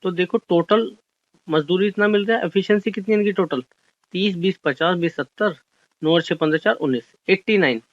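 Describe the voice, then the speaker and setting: Young male maths tutor, high-pitched, explains step by step and answers his own questions, dry close recording. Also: a little fast, no echo. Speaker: maths teacher. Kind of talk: exam-solution maths lesson. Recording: dry, dull lo-fi audio.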